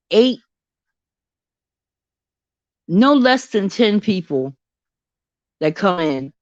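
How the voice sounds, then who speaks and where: A woman vlogging in a candid, chatty and expressive way. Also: mid-range voice, no room sound, lo-fi sound. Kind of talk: casual personal vlog.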